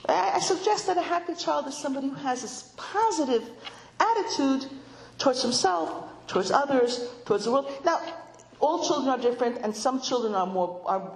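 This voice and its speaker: A middle-aged woman giving an informal talk to women, telling stories with animation and voicing children in a high pitch. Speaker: speaker addressing a women's audience. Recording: echoey room with faint noise.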